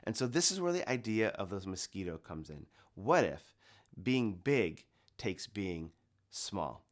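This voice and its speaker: A man's voice: on the low side, big pitch swings, measured pace. A male youth pastor introducing a segment to students in an earnest, thoughtful way. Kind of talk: talk to students.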